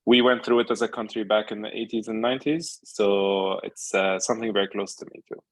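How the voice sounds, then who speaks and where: A man from Lebanon, an artist speaking as a panel guest, good-humored and quick to laugh. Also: fairly low pitch, steady tone, no echo. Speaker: artist and co-founder. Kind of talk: casual panel chat.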